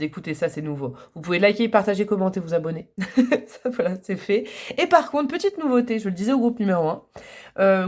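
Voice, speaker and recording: A woman with a medium-pitched, darkish voice gives a casual tarot reading to the camera. She chats and rambles, using lots of fillers and little laughs.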